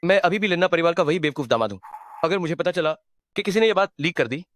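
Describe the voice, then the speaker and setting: A man's voice: fairly high pitch, lively intonation, quick pace, lightly acted. A man dubbing a young hidden war god who poses as a fool, cold and threatening in one moment and childish in the next. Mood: cold, menacing. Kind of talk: Hindi dub of a drama.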